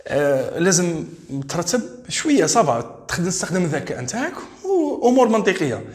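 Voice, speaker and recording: An Algerian man teaching English for an exam, reading sentences slowly and repeating words to drill pronunciation. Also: high-pitched, huge pitch swings, roomy sound. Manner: switches between English and dialect, reads English slowly and drills pronunciation. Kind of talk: exam-prep lesson.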